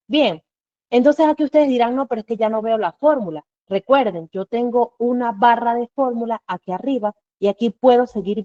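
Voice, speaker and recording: A woman's voice: on the high side, dark tone, no room sound. Patient woman teaching a live online class. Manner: patient step-by-step explaining with frequent rhetorical questions. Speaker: Excel instructor. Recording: dull lo-fi dry recording.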